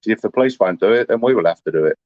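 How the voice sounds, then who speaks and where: A man's voice: fairly low pitch, lively intonation, very fast, no echo, lo-fi sound. A man, chatting casually to livestream viewers in a rambling, aggrieved way, full of "you know".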